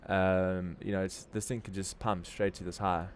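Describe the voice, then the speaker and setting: Low-pitched with little pitch movement, the voice proceeds at a moderate pace amid slight background noise. As a crypto trading stream host from Durban, South Africa, he thinks out loud in a South African accent, delivering casual market commentary full of slang.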